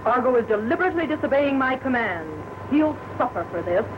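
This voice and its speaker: A woman's voice: high voice, expressive, brisk. An actress playing a haughty, commanding queen of a lost empire in 1930s film serial style. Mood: imperious. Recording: muffled, noisy old film soundtrack.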